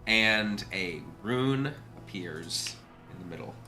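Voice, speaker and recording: A man narrating as dungeon master in an online tabletop game, relaxed and hesitant with fillers. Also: lowish voice, slow pace, soft background music.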